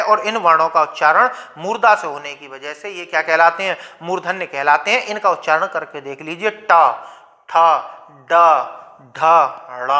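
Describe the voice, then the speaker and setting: Young male grammar teacher, high and bright, explains step by step with his own question-and-answer patter. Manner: asks questions and answers them himself, sounds out letters slowly. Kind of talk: classroom lecture.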